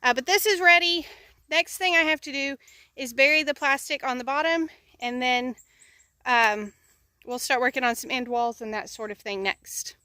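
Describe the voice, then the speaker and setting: A woman's voice: high voice, normal speed, bright, forceful tone, dry recording. Chatty woman vlogging from the farm. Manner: chatty, many ums and uhs, restarts. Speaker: homesteading vlogger. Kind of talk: casual on-site explanation. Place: outdoors at a chicken pen on a farm.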